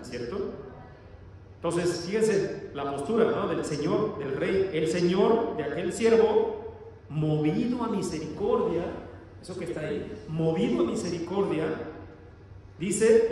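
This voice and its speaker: Speaking unhurriedly with lively intonation, this man has a fairly high but dark-toned voice. He's giving a sermon, reading out verses and asking the congregation questions as he unpacks them. The distant mic catches the echo of the church hall.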